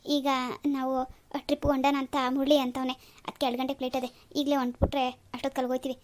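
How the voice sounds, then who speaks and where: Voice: sits high, monotone, fast, a little mellow, slight background noise, natural voice. A voice actor doing a teasing young village man. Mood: cheerful. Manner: affectionate, teasing. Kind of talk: cartoon dub.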